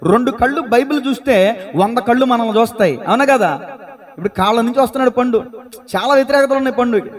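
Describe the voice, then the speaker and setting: A man's voice: extremely high pitch, quick pace. A male pastor preaching a sermon in church, telling stories and calling on the congregation to answer aloud. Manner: lively storytelling, calls on listeners to answer aloud.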